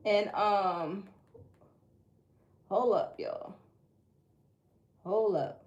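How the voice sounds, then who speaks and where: A Southern woman from the American South hosts a casual livestream, chatting folksily with viewers, reading their comments aloud and repeating herself. Her voice is medium-pitched, very slow and darkish, and the recording is muffled.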